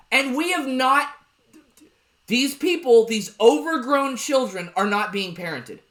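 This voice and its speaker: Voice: medium pitch, a bit bright. A vlogger in a heated, profane ranting monologue to camera, who repeats and restarts words when worked up.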